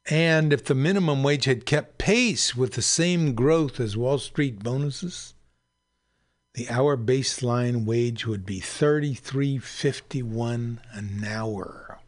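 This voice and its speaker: A man hosting a radio show, reading aloud and commenting in a deliberate, emphatic way. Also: mid-range voice. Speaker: radio host.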